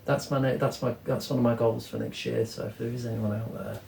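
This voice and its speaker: A middle-aged man from England talking casually as an interview guest, rambling and relaxed, often ending with "isn't it". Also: medium pitch, fairly quick, vocal fry. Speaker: guest artist. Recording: echoey room with faint ambient noise.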